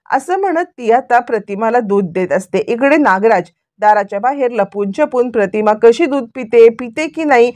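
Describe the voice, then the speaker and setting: A woman retelling a television serial episode as a lively, running story recap. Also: fairly high pitch, no echo.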